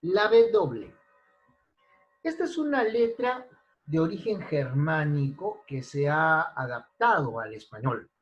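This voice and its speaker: Over a computer mic in an online lesson, a man teaches spelling, going through example words one by one in a slow, deliberate way and pausing to ask his students "¿ya?". His pitch is fairly high, and the recording sounds muffled.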